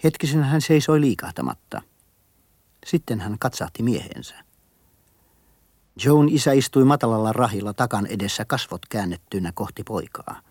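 A man narrating a classic children's story in a calm, measured way. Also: lowish voice, no echo, clean studio sound. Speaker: audiobook reader.

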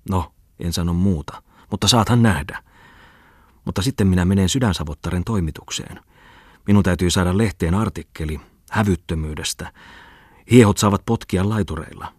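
A man voicing an excitable, garrulous male scholar in an audiobook reading, rambling in bursts. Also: low-pitched, slightly rough, no room sound, clean studio sound. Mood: excited. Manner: rapid exclamatory rambling.

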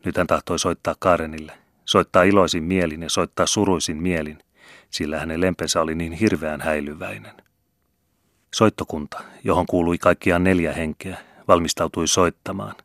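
A man reading a novel aloud as an audiobook narrator, with a measured, even storytelling delivery. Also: deep voice, no room sound, studio quality. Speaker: audiobook reader. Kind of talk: scripted literary narration.

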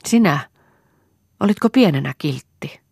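A woman's voice: low voice, animated, vocal fry, a little mellow, husky, no room sound, clean studio sound, pitched above the performer's own voice, heavily acted. Woman reading as a patient, pleading wife. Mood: calm.

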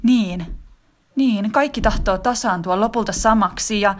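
A woman's voice: medium pitch, close to an everyday voice. A woman voicing a wistful wife reading a letter to her husband in a radio drama monologue, intimate and reflective. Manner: intimate, reflective, growing more heightened and excited.

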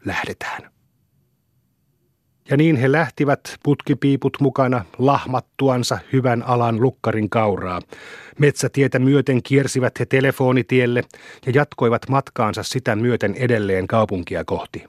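A man reading an audiobook in steady storybook narration. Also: mid-range voice, dry recording, studio quality. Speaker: audiobook reader. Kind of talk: scripted narration.

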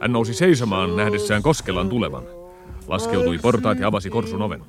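A man narrating a radio play in a steady, measured storytelling voice. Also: fairly low pitch.

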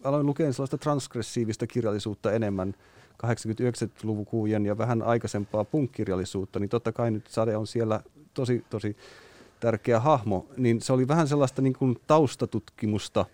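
Relaxed reflective man on a talk show. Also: lowish voice, no room sound. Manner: relaxed and reflective, with filler words. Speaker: guest. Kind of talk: casual discussion.

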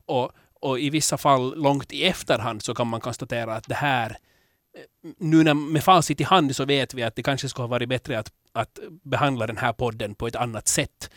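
A man's voice: medium pitch, no echo, studio quality. Candid, rambling male podcast host. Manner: candid, rambling with restarts, turning animated in anecdotes. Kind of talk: casual podcast chat.

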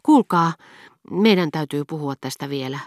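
A woman reading an audiobook, voicing a poised and brisk aristocratic duchess. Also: sits low, lively intonation, a little mellow, dry recording, studio quality. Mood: brisk, coaxing. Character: elegant, worldly aristocratic duchess.

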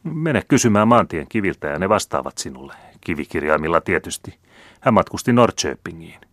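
A coolly mocking aristocratic count, all polished irony and lofty calm, as a male reader puts him on. The voice sits very deep and the sound is dry and close. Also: dry recording, heavily acted. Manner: smooth, ironic, condescending.

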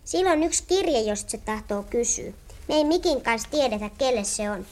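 A woman's voice: on the high side, lively intonation, natural voice. [name], a woman voicing an eager little girl. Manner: eager and chatty.

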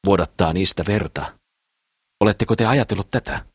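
A man voicing an idealistic crippled dwarf craftsman in an audiobook, with a creaky voice and an earnest, lecturing manner. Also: fairly low pitch, no echo, clean studio sound, voice pushed up.

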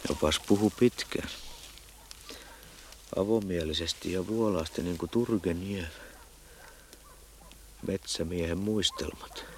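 A man speaks his musings in a very low voice with a gravelly rasp. His narration is unhurried and reflective, like inner monologue. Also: a little hiss or hum. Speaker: narrator and hunter.

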